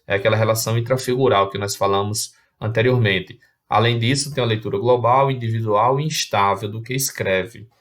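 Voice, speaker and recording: Male teacher, mid-range voice, patient explanatory lesson delivery with small restarts. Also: medium pitch. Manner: explanatory, many restarts and fillers. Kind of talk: video lesson.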